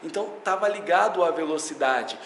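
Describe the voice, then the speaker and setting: A man's voice: fairly high pitch, fairly quick, a bit bright, roomy sound, slight background noise. A man with a Brazilian Portuguese accent giving a casual video lesson as an English teacher, chatty and talking straight to the viewer. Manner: chatty, addresses viewer directly.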